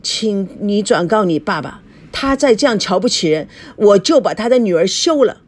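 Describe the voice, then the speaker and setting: A woman's voice: a little high, very animated, moderate pace. A woman doing a proud, hot-tempered young man. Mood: indignant. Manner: indignant, angry. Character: young male fiancé, proud and quick-tempered.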